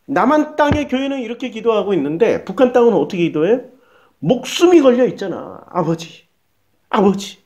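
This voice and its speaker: High-pitched guy preaching a sermon, chatty, keeps asking the congregation questions. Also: a little fast, dull audio. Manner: animated, colloquial, rhetorical questions, acts out prayers. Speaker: pastor.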